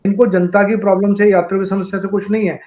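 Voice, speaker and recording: A veteran airline pilot in an interview clip, indignant and listing complaints one after another. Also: male voice, sits high, level tone, fast talker. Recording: tinny phone-like line.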